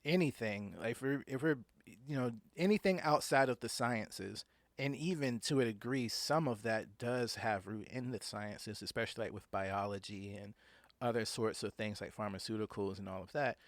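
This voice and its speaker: A man's voice: lowish voice, normal speed, no room sound. A man with slightly slurred speech and imprecise T's and S's from an underbite, talking informally and hesitantly as a solo podcast host.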